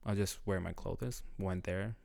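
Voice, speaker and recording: This young guest from Syria, a native Arabic speaker, recounts his experiences in an easygoing conversation. His delivery is halting as he searches for English words, often breaking into laughs, and his low voice crackles with gravelly fry.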